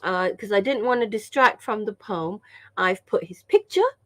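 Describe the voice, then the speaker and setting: Over a video call, a Pakistani woman runs an online language workshop, her medium-pitched voice expressive and fairly bright at a normal speed. She's enthusiastic and chatty, constantly checking in with the group with a quick "yeah?"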